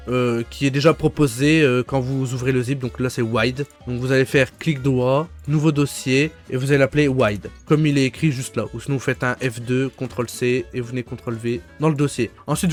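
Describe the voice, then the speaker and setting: Slangy young man, casual screen tutorial, fairly high voice, faint music behind. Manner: slangy, chatty, jokes while explaining. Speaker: gaming tutorial creator.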